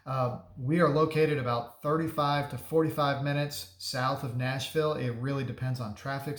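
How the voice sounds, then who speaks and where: Brief: male realtor, relaxed talk-to-camera market update, mid-pitched, dry close sound, steady walk-through of stats. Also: dry recording. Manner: conversational, explains figures step by step, self-corrects. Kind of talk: casual real estate market update.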